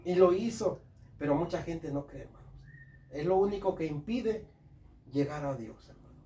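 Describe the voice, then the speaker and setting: A man preaches a fervent sermon, repeatedly calling out to his brothers. His voice sits a little high yet dark and mellow. He is heard from a distance in an echoey room with faint ambience behind. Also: animated, normal speed. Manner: fervent, addresses listeners as brothers. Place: home service room.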